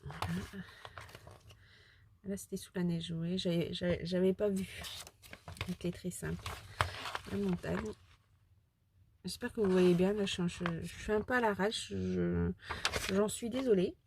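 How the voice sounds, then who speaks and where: A woman chatting casually as a craft vlogger, rambling and excitable, often restarting her sentences and giggling at herself. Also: on the low side, a little slow, creaky, long pauses, noisy background. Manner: excitable and self-deprecating. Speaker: craft vlogger showing a shopping haul. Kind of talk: casual chat.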